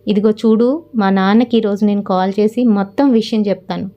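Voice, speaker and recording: A woman's voice: mid-range voice, steady tone, brisk, muffled recording, natural voice. A woman voicing a suspicious young wife who demands answers in a confrontational way. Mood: demanding.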